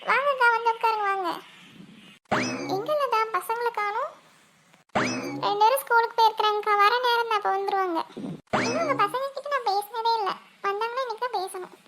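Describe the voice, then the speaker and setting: High-pitched, fast-talking woman in a skit. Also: background noise. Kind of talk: family comedy skit.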